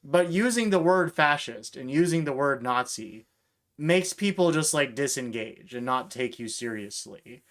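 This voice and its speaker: A man's voice: mid-range voice, animated, measured pace, a bit bright. A man co-hosting a podcast, arguing politics in a wry, casual way with dry asides. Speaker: podcast co-host.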